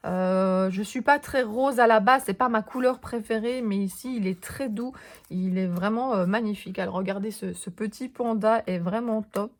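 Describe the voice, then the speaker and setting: A woman's voice: medium pitch, moderate pace. A woman vlogger chatting enthusiastically through a scrapbooking haul, with lots of fillers and small restarts. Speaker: crafting vlogger. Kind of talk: casual show-and-tell haul video.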